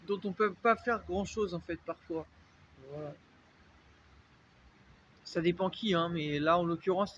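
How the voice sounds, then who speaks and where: A man from France with a French accent talks through a casual vlog, wandering from point to point with constant fillers. His voice sits high for a man. The audio is dull and lo-fi, with a faint hiss underneath. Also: fairly bright tone. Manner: rambling, full of fillers and restarts. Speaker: vlogger. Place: dark unlit spot, vehicle noise around.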